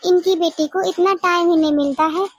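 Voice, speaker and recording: A woman's voice: extremely high pitch, fairly even intonation, brisk, dry recording. A woman voice-acting an earnest, pleading young wife in a family cartoon. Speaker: cartoon voice artist.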